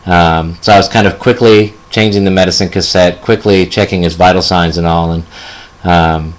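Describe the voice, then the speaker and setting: A man in his fifties, a hospice nurse, telling a personal story gently with many fillers. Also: low-pitched, fairly even intonation, moderate pace. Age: 50s.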